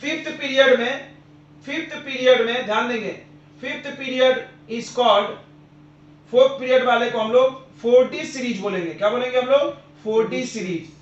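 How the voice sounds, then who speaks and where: A man's voice: very high voice, normal speed. A man who is a chemistry teacher, giving a classroom lecture and drilling his students with repeated questions and answers. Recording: roomy, dull lo-fi classroom recording.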